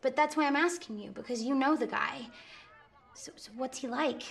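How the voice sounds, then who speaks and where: An actress playing a pampered, romantic young woman who talks in a soft, earnest, confiding way. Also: high-pitched, normal speed, creaky. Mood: puzzled. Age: young adult. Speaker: actor in a film scene. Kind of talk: naturalistic film acting.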